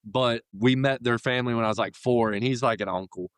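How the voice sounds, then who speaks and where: Clear-voiced, informal American man. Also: medium pitch, fairly quick, no echo. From Florida, United States. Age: 30s. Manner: rambling, informal, conversational. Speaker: interview guest, union carpenter. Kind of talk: casual interview chat.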